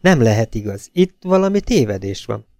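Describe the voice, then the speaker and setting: A man voicing a nervous, smooth-talking young husband who protests his innocence. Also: mid-range voice, big pitch swings, darkish tone, no echo, studio quality. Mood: stunned. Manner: flustered, protesting.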